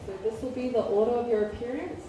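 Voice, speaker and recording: A woman's voice: fairly high pitch, steady tone, fast talker, dark tone. A woman hosting and announcing at a live event. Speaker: pageant host. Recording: echoey hall, distant, noisy.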